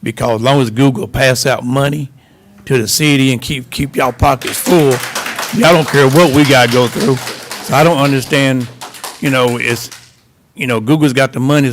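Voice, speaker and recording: A man's voice: mid-range voice, fairly even intonation, normal speed, slight background noise. A man giving a blunt, folksy, aggrieved comment at a council hearing. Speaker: resident speaking at public hearing. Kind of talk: plain-spoken public comment. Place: city council chambers.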